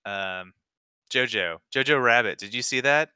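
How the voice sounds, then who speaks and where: A man's voice: medium pitch, unhurried, sharp tone, smooth. A young man co-hosting a gaming podcast in casual chat, rambling and fumbling for names. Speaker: podcast co-host.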